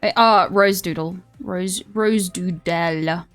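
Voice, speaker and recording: A young woman streaming a card game, chatting casually and excitably, swearing freely and sliding into a valley girl voice. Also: on the low side, slow pace. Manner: excitable and profane, drifts into a put-on valley girl voice. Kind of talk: casual live-stream gaming chat. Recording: faint music behind.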